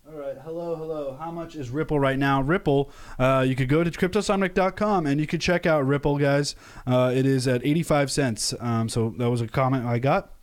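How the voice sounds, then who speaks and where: A young American man from the United States hosting a casual live stream, talking upbeat and rambling with many fillers and restarts. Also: mid-range voice. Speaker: crypto channel host.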